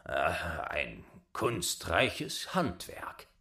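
A gruff old tailor father, played by a male storyteller, sounding doubtful and a little scornful. His voice sits low and moves slowly. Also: sing-song, sharp tone, full character voice. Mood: skeptical.

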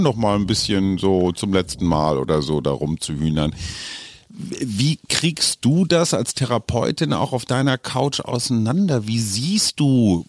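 A man's voice: on the low side, no echo. A man in his fifties co-hosting a casual podcast, chatty and joking, with frequent tag questions. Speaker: podcast co-host.

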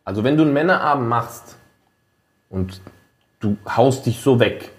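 A man's voice: mid-range voice, expressive, moderate pace. A man co-hosting a podcast in casual chat, laid-back and slangy, often checking in with his listeners with "you know". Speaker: podcast co-host.

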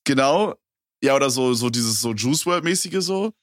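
A man's voice: medium pitch, animated, moderate pace, no echo, clean studio sound. A young man chatting casually on a podcast, rambling in slang with many fillers. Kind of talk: casual chat. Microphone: wireless gaming headset.

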